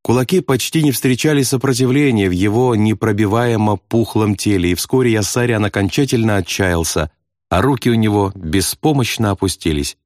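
A man narrating a novel as an audiobook, with steady, dramatic storytelling. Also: mid-range voice, no room sound, clean studio sound.

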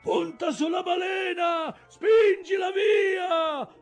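A man's voice: medium pitch, lively intonation, slow pace, slightly rough, soft background music, a faint crowd, pitched above the performer's own voice, heavily acted. A man voicing an obsessed old sea captain who bellows orders feverishly in an audiobook reading. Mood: shouting orders.

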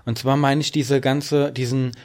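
A man's voice: medium pitch, flat delivery, measured pace, a little mellow. A man co-hosting a casual podcast chat, rambling and sarcastic, often tagging his points with a questioning aside. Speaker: podcast co-host.

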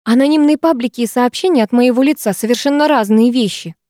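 A woman reading an audiobook, voicing an indignant teenage schoolgirl with shrill outraged outbursts. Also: fairly even intonation, brisk, darkish tone, dry recording, studio quality, close to an everyday voice.

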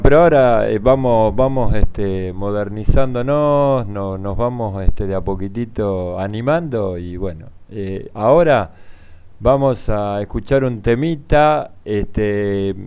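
A man hosting a community radio show, talking casually and haltingly with many fillers. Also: fairly low pitch. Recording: dull lo-fi radio sound, faint hiss.

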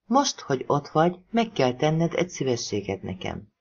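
Narrator doing a hard threatening guy on the phone, lively delivery, dull lo-fi sound. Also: medium pitch, gravelly, breathy edge, exaggerated voice. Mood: menacing. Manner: hard and menacing.

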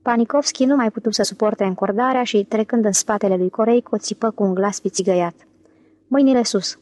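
A woman narrating an audiobook in a steady, even reading. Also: mid-range voice. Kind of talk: scripted narration.

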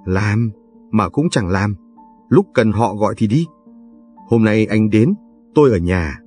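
A man reading aloud, voicing a poor, cheerful young villager who talks loudly and hurriedly. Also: on the low side, expressive, slightly rough, faint music behind. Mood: lively. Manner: loud, hurried and warm.

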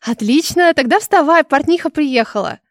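A woman voicing a cheerful, teasing young noblewoman with a bright, insistent and theatrical manner. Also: sits high, expressive, moderate pace, dry recording, clean studio sound, voice pushed up. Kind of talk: audiobook character voice.

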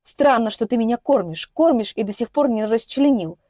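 Woman voicing a shrill defiant young captive. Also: lively intonation, moderate pace, no echo, clean studio sound. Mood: furious. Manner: shouting, hysterical outbursts.

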